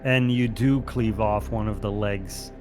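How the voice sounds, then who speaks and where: A man running a tabletop game as game master, relaxed and often laughing. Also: lowish voice, a little slow, music in the background. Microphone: online voice chat.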